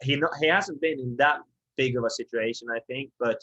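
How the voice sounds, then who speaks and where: A man hosting a casual video call interview, his voice coming through dull and lo-fi. He talks in a quick, chatty way at an ordinary pitch. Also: pushed and bright, husky. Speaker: interviewer and golfer. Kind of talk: casual conversation.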